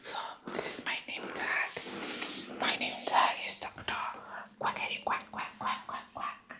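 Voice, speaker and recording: A woman's voice: takes it slowly, natural voice. A woman voicing a dubious, boastful female doctor in a whispered ASMR roleplay, insisting in a sing-song way that she is a real doctor. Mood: coaxing.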